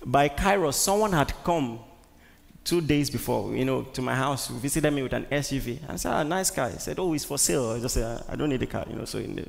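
A man's voice: mid-range voice, fairly quick, gravelly. A man with a Nigerian accent preaching a sermon as pastor, emphatic, repeating words and questioning the congregation. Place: large church hall. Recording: long church-hall reverb.

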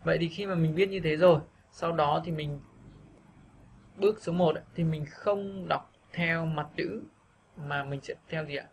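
Guy teaching english sounds, patient, says words slow, higher voice. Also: slight background noise. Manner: patient, repeats words slowly for practice. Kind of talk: video lesson.

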